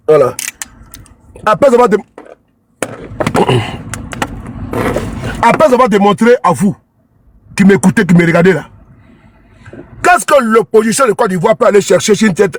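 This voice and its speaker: High-voiced, scornful male commentator. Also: animated, normal speed, pauses often. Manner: repetitive, scornful, keeps asking "you see?". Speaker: online commentator. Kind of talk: talking to camera while scrolling a social media page.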